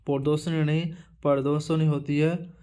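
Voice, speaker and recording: A male teacher running an exam-prep lesson, reading through a word list in a repetitive drilling way with halting restarts. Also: fairly high pitch, little pitch movement, warm tone, clean tone.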